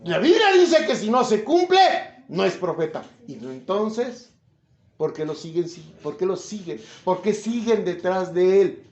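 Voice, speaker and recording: A man with a Mexican accent preaches in a high voice, chatting and joking with his listeners. His voice bounces around an echoey room. The sound is a little dull. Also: very animated, measured pace. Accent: Mexican Spanish. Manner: chatty, jokes, asks the listeners questions. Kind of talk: informal Bible teaching to a congregation.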